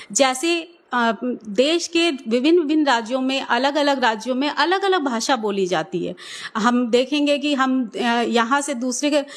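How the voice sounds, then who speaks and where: A middle-aged woman who teaches at a government school answers interview questions earnestly and persuasively, with some hesitant fillers. Her voice sits high.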